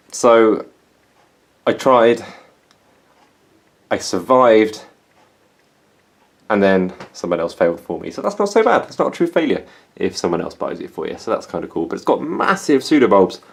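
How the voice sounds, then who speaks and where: A young Englishman with a low voice and vocal fry chats casually in his plant vlog. He pokes fun at himself with dry, self-mocking humor.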